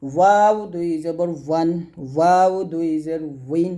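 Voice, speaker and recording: A man from Bangladesh teaching Quran reading, spelling out letters and vowel marks slowly in drills before speaking more quickly to his viewers. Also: a little high, steady tone, dark tone. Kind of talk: slow drilled recitation lesson.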